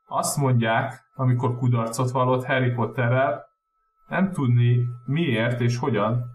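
A man's voice: mid-range voice, far from the mic, natural voice. A man voicing a stern, anxious older female professor who stammers when upset, in a roomy room. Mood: shaken.

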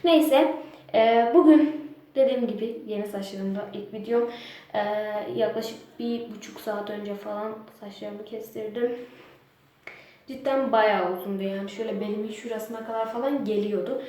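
A woman's voice: fairly high pitch, moderate pace, warm tone. A young woman chatting casually as she walks viewers through her bedtime care routine, thinking aloud as she goes, recorded in a home bathroom with a heavy cave-like echo. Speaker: beauty vlogger. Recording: very echoey bathroom, faint noise.

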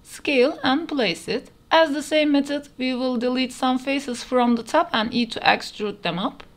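A woman with a high-pitched voice speaks at a normal speed, narrating a step-by-step 3D modeling tutorial in plain, instructional language. It's a voice-over laid over a screen recording.

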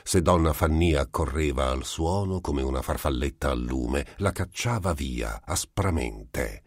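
A man reading a literary audiobook with measured, expressive phrasing. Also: a bass voice, no room sound, studio quality. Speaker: audiobook narrator.

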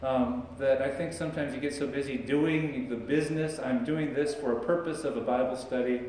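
A man's voice: medium pitch, steady tone, normal speed, darkish tone, distant mic, a little hiss or hum. A middle-aged man preaching a sermon as pastor, talking in a conversational way and gesturing as he speaks. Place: church sanctuary, large indoor room. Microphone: far camera, no visible mic. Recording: echoey church recorded from afar.

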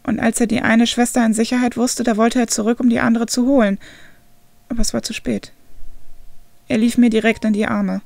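A woman voicing a protective young man confessing quietly and heavily to his sister. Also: fairly high pitch, level tone, fairly quick, creaky, dry recording. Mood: guilty confession. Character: guilt-ridden protective older brother, young man.

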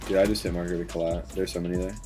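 Male gamer, deep and dark-toned, casual game chat, faint music. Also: flat delivery, rapid-fire.

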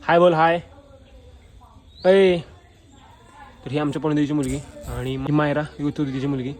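A man's voice: on the high side, steady tone, a little slow, darkish tone. A man vlogging casually at a family home, playfully coaxing the children to talk. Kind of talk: casual home vlog chat.

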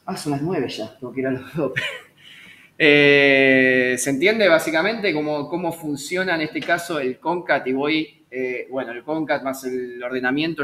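Chatty man teaching code, bright voice. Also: a little high. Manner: chatty, self-correcting, jokes at his own slips. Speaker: programming teacher. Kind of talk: live online coding class.

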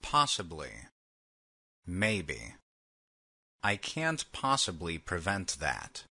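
Slow husky deep male reader. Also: bright, forceful tone. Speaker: vocabulary lesson reader. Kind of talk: slow read example sentences.

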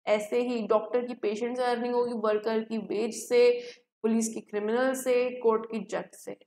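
A woman's voice: fairly high pitch, little pitch movement, moderate pace, darkish tone, roomy sound, a little hiss or hum. A woman with an Indian accent teaching a live online English class, chatty and encouraging, calling students beta. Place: home.

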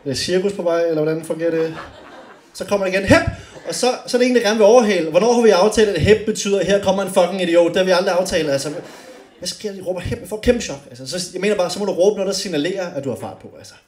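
A young man doing stand-up comedy on a club stage, animated and often shouting his punchlines. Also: high voice. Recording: roomy club with faint noise.

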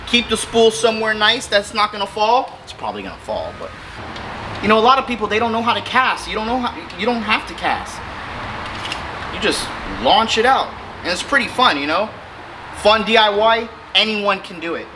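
A man in his thirties hosting a fishing vlog outdoors under a bridge by the water, chatting and joking with bursts of excitement. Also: high-pitched, noisy background. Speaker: fishing channel host. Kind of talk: casual outdoor vlog chat. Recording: background music under the talk. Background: music.

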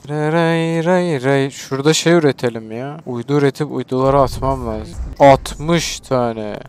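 A man's voice: medium pitch, smooth. A young man with a Turkish accent giving casual, chatty gameplay commentary, talking to his viewers and the game's people, swearing and exclaiming as he plays. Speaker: gaming YouTuber.

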